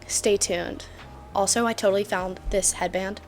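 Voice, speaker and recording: A twenty-year-old woman vlogs from home, talking to camera in a bubbly, joking way with lots of fillers. Her mid-range voice holds a steady tone at normal speed, with faint music behind her.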